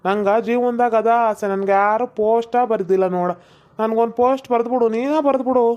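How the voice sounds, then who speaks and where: A woman's voice: a little high, steady tone, fairly quick, a little mellow, lightly acted. A woman playing a chatty, nosy male village postman in a comedy sketch. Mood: teasing. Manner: nosy, teasing banter. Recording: slightly dull lo-fi recording.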